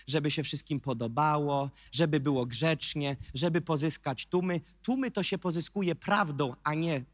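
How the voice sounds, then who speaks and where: A Polish man preaching a sermon in an emphatic, sarcastic way that builds to shouts. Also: on the high side, normal speed, dry recording, studio quality.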